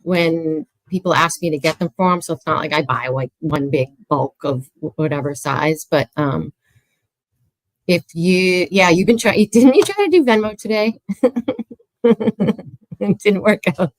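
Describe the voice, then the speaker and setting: Lower-pitched woman hosting casually. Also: unhurried, no room sound, poor audio. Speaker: show host. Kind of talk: casual chat.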